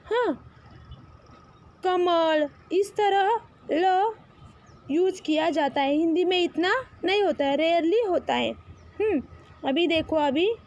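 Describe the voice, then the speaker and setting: A woman teaching children the Hindi alphabet, patiently calling out letters and stretching each word for them to repeat. Her first language is Marathi. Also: very high-pitched. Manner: slow, drawn-out, patient, calls out letters for repetition.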